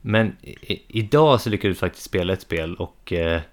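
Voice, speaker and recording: Man, 30s, very deep voice, podcast co-host, casual chat, hesitant, restarts a lot. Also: lively intonation. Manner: hesitant, many fillers and restarts, laughs often.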